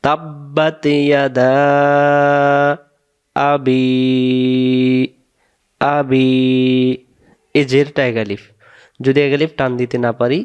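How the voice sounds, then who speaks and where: A man with a Bangladeshi accent teaching Quran recitation step by step, stretching out syllables and repeating each word to show how it is said. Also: medium pitch. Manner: slow, drawn-out syllables when demonstrating, repeats each word.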